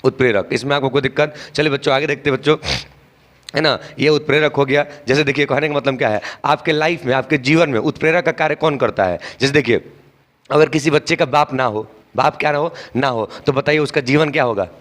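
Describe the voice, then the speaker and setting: A man's voice: mid-range voice, fast, a bit bright. A man teaching chemistry in a call-and-response style, often asking a question and answering it himself and checking whether students understood. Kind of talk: call-and-response classroom lecture.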